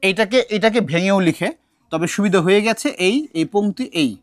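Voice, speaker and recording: A Bangladeshi man with a high voice and a Bengali accent leads a recitation class, speaking fairly quickly. He patiently explains words and repeats them aloud so students hear how they're pronounced. The studio recording is clean, with no echo.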